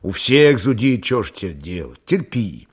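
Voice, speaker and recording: A man reading a gruff, caring Cossack. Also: on the low side, big pitch swings, normal speed, voice pushed down. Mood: irritated hush. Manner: gruff, hushed, soothing.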